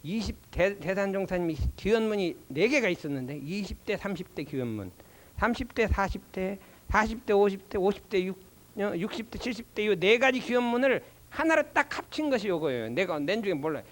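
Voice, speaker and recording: An older man, a Won Buddhist minister, giving a doctrine lecture with animated storytelling and rhetorical questions. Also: high voice. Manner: slow chanting recitation of prayer.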